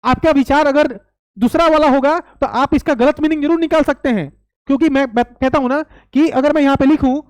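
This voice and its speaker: Emphatic high-voiced male lecturer. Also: fairly quick, no room sound. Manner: repetitive, emphatic, rhetorical questions. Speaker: exam coaching teacher. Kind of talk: classroom-style lecture.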